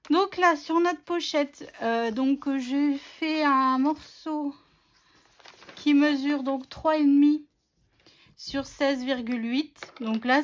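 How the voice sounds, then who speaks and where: A woman narrating a scrapbooking tutorial in a chatty, self-mocking way, with many fillers. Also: high voice. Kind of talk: casual craft tutorial narration.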